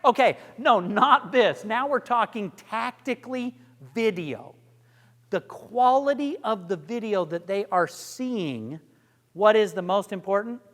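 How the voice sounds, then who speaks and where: A man presenting a workshop, energetic and joking, quizzing his audience as he teaches. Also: high-pitched, unhurried. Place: lecture room with audience. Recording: long hall reverb.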